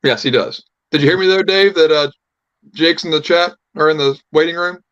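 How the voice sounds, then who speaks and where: A man's voice: fairly high pitch, a little fast, fairly bright tone, clean tone, no room sound. A man co-hosting a casual live stream in a chatty, agreeable way, on slightly lo-fi call audio.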